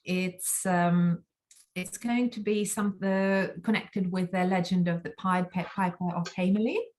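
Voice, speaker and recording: A woman's voice: on the low side, steady tone, measured pace, a little mellow. Thoughtful woman guest on a call. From Latvia. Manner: thoughtful, with frequent ums and restarts. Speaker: actress guest. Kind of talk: interview conversation.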